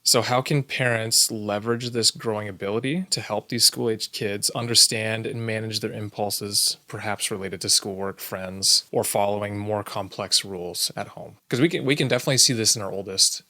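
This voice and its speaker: A man's voice: lowish voice, fairly even intonation, moderate pace, few pauses, pushed and bright. A man co-hosting a parenting podcast, explaining ideas casually and thinking aloud. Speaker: podcast co-host.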